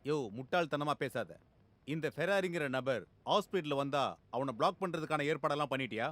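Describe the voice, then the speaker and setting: Man doing a snappy bossy police chief, slightly high voice, scolds everyone. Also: a little fast, a bit bright, close to an everyday voice. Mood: stern. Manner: curt, scolding, impatient. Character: stern impatient male police superintendent. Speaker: superintendent of police.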